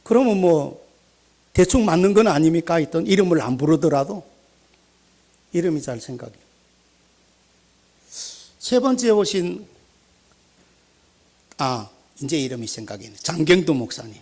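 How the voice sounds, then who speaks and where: Gravelly older preacher with a Gyeongsang accent. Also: male voice, a little high, measured pace, pauses often. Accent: Gyeongsang Korean. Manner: animated, anecdotal, swinging between loud and soft. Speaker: retired pastor. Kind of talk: storytelling sermon.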